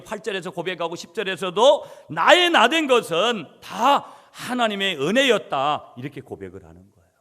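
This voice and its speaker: A middle-aged man preaching a sermon as pastor, swinging between loud emphatic passages and quiet asides to the congregation. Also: mid-range voice. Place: church sanctuary. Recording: church hall reverb.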